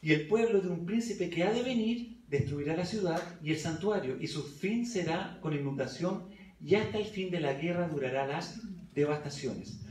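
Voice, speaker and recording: A man's voice: fairly high pitch, expressive, normal speed, darkish tone, a little hiss or hum. A man preaching a Bible study sermon in church, reading scripture aloud and questioning the congregation. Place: church hall. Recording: echoey church recording from a distance.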